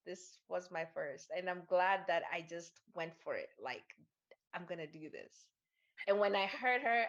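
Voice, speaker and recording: A woman's voice: medium pitch, highs cut off. A woman from Kenya answering interview questions in an earnest, emphatic way. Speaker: guest. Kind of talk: interview conversation.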